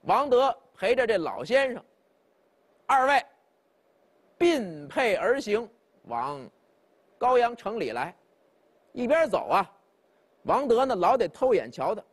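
Casting: male traditional storyteller, chatty and direct with listeners, high husky voice, unhurried. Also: big pitch swings. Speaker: pingshu storyteller.

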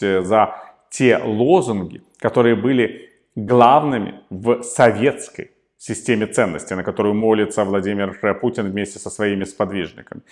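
Male commentator, lower pitch, deliberate delivery with frequent filler pauses. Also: a little mellow. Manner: measured, frequent hesitation fillers. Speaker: political commentator. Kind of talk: solo video commentary.

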